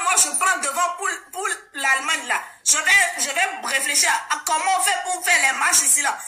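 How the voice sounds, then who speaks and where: A woman's voice: high-pitched, bright, forceful tone. A woman from Togo with a Togolese French accent, talking casually and emphatically on her live stream, rallying people and repeating phrases. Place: living in Germany. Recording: roomy echo.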